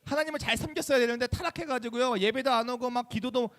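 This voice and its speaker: A man preaching a youth sermon in a church chapel, animated and keeps asking the audience questions. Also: very high-pitched, quick pace. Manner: animated, asks the audience many questions and acts out quoted voices. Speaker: youth pastor.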